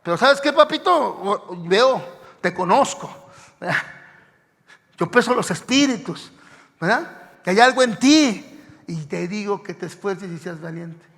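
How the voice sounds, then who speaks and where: God, gently coaxing and fatherly yet firm, spoken by a male preacher in his own voice. His high tone is set against a gravelly edge. The words hang in a long church reverb. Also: animated, a little slow, pauses often, heavily acted. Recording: echoey church hall reverb.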